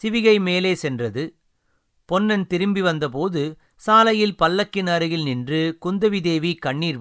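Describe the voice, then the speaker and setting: A man reads a historical novel aloud in a measured, storytelling manner. His voice is fairly high for a man and smooth, and the recording is close and dry with no room sound. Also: a bit bright, no echo. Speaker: audiobook narrator. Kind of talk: scripted narration.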